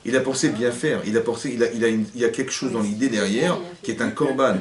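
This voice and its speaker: A man teaching a lively interactive class as a rabbi, acting out little scenes and putting questions to his listeners. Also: medium pitch, fast, crowd noise. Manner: animated, acts out little scenes, questions the audience. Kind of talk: lively interactive Torah lesson. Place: community hall. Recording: echoey room, mic at a distance.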